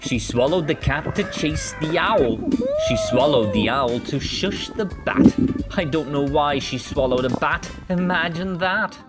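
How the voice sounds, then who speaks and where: A woman's voice: low voice, expressive, unhurried, loud music behind the voice. A woman storyteller reading a children's picture book aloud.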